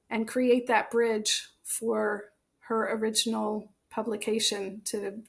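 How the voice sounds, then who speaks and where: An American author and translator, appearing as an interview guest, speaks in a somewhat high, creaky voice. She explains things articulately and conversationally, adding emphasis as she goes.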